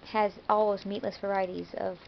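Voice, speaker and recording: A woman's voice: medium pitch, little pitch movement, normal speed, vocal fry, lo-fi sound, a little hiss or hum. An American woman talking to her viewers in a casual vlog, rambling a little with fillers and self-corrections. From United States. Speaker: vlogger.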